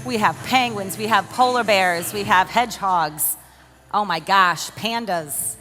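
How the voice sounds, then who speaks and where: Bright and forceful, a medium-pitched American woman gives a conference keynote at a measured pace. She's enthusiastic and questions the audience directly, her words trailing in the long reverb of a large hall.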